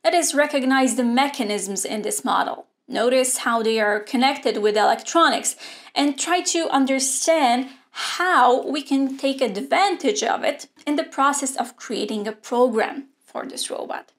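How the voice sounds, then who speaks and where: A young woman presenting a scripted online robotics lesson in a studio, explaining clearly and steadily. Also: high-pitched. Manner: clear, measured explaining with hand gestures. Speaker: robotics teacher. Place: indoor studio with a grey backdrop.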